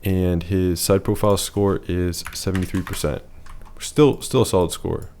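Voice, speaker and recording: A man's voice: deep voice, steady tone, normal speed, darkish tone, a little hiss or hum. A man losing his voice, giving a casual, matter-of-fact voice-over that rates features one by one. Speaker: facial analysis presenter.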